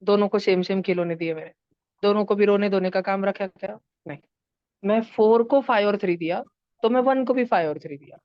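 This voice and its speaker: A woman's voice: mid-range voice, fairly quick, dry recording, highs cut off. A woman teaching a math lesson to children in an online class, turning numbers into story characters and acting out their lines. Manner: playful, acts out number characters in voices.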